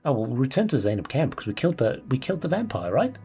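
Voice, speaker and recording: Gravelly man commenting on gameplay. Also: medium pitch, big pitch swings, fast, dark tone. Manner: mutters item names, swears, chuckles often. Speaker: let's play host.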